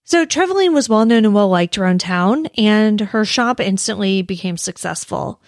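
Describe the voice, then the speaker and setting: A woman with an American accent and a creaky voice, telling true crime stories conversationally as a podcast host. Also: mid-range voice, expressive, normal speed, no echo, studio quality. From United States. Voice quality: creaky vocal fry. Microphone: close podcast microphone in a dry room.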